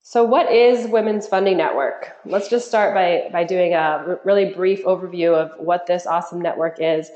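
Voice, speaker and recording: Woman, nasal from a cold, lowish voice, friendly webinar host, echoey room over a web call. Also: moderate pace, few pauses, a little mellow, dull audio. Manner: friendly, chatty, frequent ums. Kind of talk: live webinar presentation. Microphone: computer mic on a web call.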